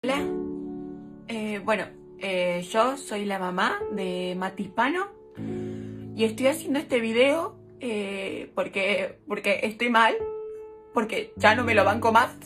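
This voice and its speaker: A woman's voice: medium pitch, takes it slowly, over music. A mother complaining to the camera in a hesitant, flustered way for a comic video.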